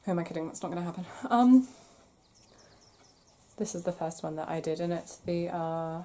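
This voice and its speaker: A woman hosting a crochet podcast, chatting casually to camera with a croaky throat she keeps clearing, apologetic and self-deprecating. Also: fairly low pitch, normal speed, mellow. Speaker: podcast host.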